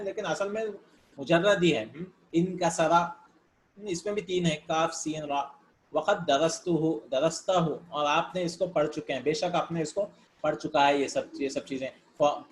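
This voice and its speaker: This man's voice sits high and sounds a bit bright. He's giving a casual Arabic grammar lesson, reading words aloud and explaining them with English terms mixed in, sometimes thinking aloud as he goes.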